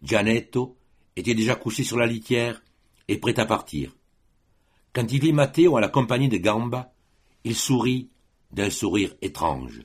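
A man narrating a classic short story as an audiobook reader, in an expressive, measured way. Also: medium pitch, slightly rough.

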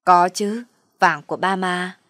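A woman's voice: on the low side, unhurried, fairly bright tone, dry recording, clean studio sound. A woman voicing a doting, indulgent old father who soothes and placates. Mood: soothing.

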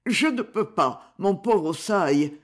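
A man voicing a hurt young miner, halting. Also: high voice, lively intonation. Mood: pained. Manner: breathless, halting reassurance. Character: injured young male miner, brave and uncomplaining.

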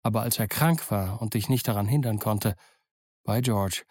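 A man's voice: lowish voice, normal speed, a little mellow, dry recording, clean studio sound, close to an everyday voice. A man voicing a kindly, stern middle-aged doctor in an audiobook, speaking with reproach and concern. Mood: reproachful. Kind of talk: audiobook character voice.

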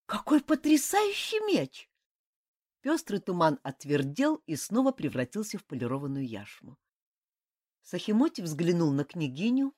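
A woman giving an expressive, dramatic reading as a fantasy audiobook narrator. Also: deep voice.

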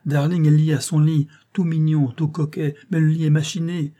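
A man's voice: fairly high pitch, level tone, normal speed, dark tone, voice pushed up, close to an everyday voice. A man reading an audiobook voicing a loyal male informant who reports eagerly and confidingly to his chief. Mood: urgent.

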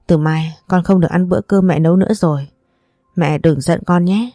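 A woman's voice: on the low side, fairly quick, dark tone, no echo, studio quality, close to an everyday voice. A woman reading as a remorseful young soldier son. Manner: choked, pleading. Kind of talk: storybook dialogue reading.

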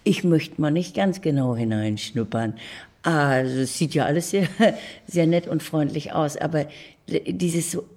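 An older woman, interviewed as a guest, gives reflective, conversational answers with emphasis, strong opinions and repeated words. Her voice is low and a little mellow, her pace measured.

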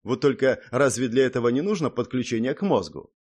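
A man reading a first-person audiobook in a steady, matter-of-fact way, with wry asides. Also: mid-range voice, fairly quick. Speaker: audiobook narrator.

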